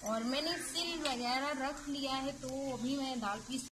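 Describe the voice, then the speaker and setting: A woman's voice: sits high, unhurried, fairly bright tone, slight background noise. A woman with an Uttar Pradesh Hindi accent, casually explaining each step of her cooking at a clay stove in a village kitchen. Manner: chatty step-by-step explaining to viewers. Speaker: vlogger. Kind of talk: casual cooking vlog narration.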